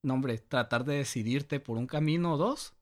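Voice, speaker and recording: A man's voice: mid-range voice, normal speed. A man with a Mexican accent chatting informally as a podcast co-host. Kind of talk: casual podcast chat.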